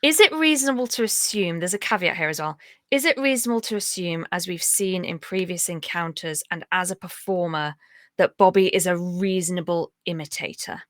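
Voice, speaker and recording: A woman's voice: fairly low pitch, a little fast, no room sound, clean studio sound. A woman chatting casually as a player at a tabletop role-playing game, thinking her moves through aloud.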